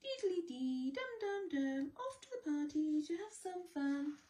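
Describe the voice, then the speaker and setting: A woman reading a storybook aloud, voicing a cheerful, polite male cake character in a bright sing-song voice. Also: on the high side, wildly swooping pitch, measured pace, far from the mic, heavily acted. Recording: echoey room, voice off-mic.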